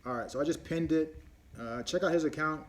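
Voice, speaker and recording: A man's voice: a little high, fairly quick. A man hosting a casual live-stream Q&A on his phone, rambling with many fillers and restarts as he answers viewer questions one by one.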